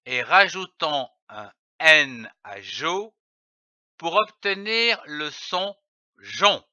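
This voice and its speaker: A man teaching children to read, spelling letters out and sounding each syllable slowly. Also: on the high side, animated, pushed and bright, dry recording, muffled recording. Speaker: reading teacher. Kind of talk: slow syllable-by-syllable reading lesson.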